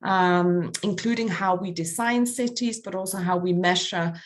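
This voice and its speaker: A woman with a Danish accent giving a formal conference presentation, pausing often with ums and uhs as she works through numbered points. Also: lowish voice. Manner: halting, many ums and uhs, lists points. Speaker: conference speaker.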